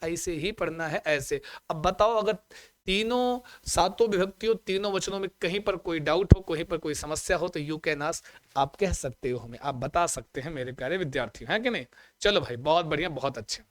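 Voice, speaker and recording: A man's voice: fairly high pitch, dry recording. Encouraging male Sanskrit teacher, chanting forms. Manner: chanting word forms slowly, coaxing and encouraging students; asks the class questions and answers them himself. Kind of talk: online exam-prep lesson.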